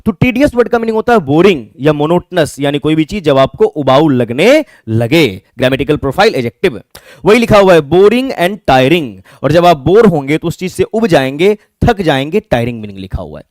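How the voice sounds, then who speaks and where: A man with a Bihari Hindi accent teaches exam vocabulary in a fairly high voice, asking questions and then answering them himself. He spells words out letter by letter. The sound is dry and close, with no room around it. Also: big pitch swings, a little fast, darkish tone, dry recording. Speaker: English teacher. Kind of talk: exam-prep vocabulary lesson.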